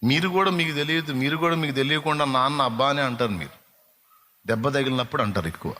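A man preaching a sermon, passionately asking the congregation rhetorical questions and now and then breaking into slow sung hymn lines. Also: medium pitch, bright, forceful tone. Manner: addresses listeners directly with rhetorical questions.

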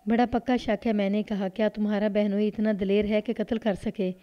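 A woman narrating a read-aloud story in a steady, measured way. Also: medium pitch. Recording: dull lo-fi recording.

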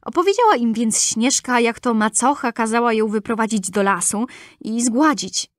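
A woman narrating a fairy tale for children in a gentle, measured, expressive reading. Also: on the high side, dry recording, studio quality. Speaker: storyteller.

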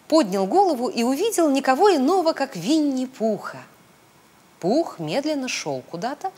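Storybook narrator: woman with a slightly husky voice and a lively, swooping delivery. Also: a little high. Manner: expressive, sing-song storytelling. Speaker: storybook reader. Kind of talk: children's audiobook narration.

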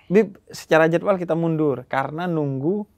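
A man from Madura hosts a podcast in a chatty, joking manner, fond of wordplay. His voice sits a little high for a man. The sound is dry and close to the mic, with no room around it. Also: moderate pace, gravelly, a little mellow, no echo. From Madura, Indonesia. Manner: joking, chatty, plays on words. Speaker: podcast host. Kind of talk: casual podcast chat.

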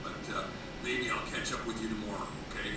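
Halting man with added cave echo. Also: on the low side, steady tone, sharp tone, far from the mic, slight background noise. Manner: halting, restarting sentences. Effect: cave-like room echo added in editing. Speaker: video editing tutor. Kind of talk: casual self-recorded clip.

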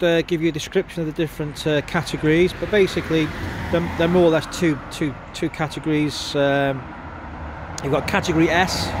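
Male car salesman, slightly high voice, congested with a cold, informal walkaround patter over clear outdoor noise. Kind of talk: casual walkaround sales presentation. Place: outdoors at a car lot, walking around a car. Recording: outdoor handheld video with clear background noise.

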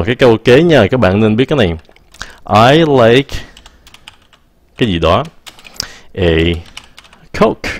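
Slow, patient man teaching. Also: fairly low pitch. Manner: patient, repeats English example phrases slowly. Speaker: English teacher. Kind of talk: casual explanatory lesson.

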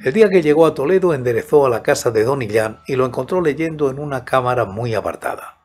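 A man in his sixties narrating a scripted story in a measured, soft-spoken way, close to a studio microphone. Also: mid-range voice, breathy edge. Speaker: host and narrator of horror audiobook channel. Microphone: large studio microphone close to the mouth, headphones.

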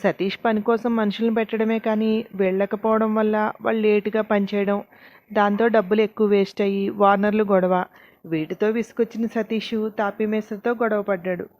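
A woman's voice: medium pitch, little pitch movement, a little fast, darkish tone, dry recording, lightly acted. A woman voicing an earnest, respectful male worker telling an officer what he knows, in a told story. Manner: explaining earnestly, addressing "madam".

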